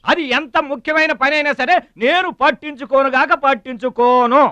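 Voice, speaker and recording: A man's voice: very high voice, fairly quick, bright, forceful tone, no room sound, lo-fi sound. A middle-aged man in a film, speaking emphatically and effusively as a hospitable younger brother. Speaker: younger brother of the household head. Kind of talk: film dialogue.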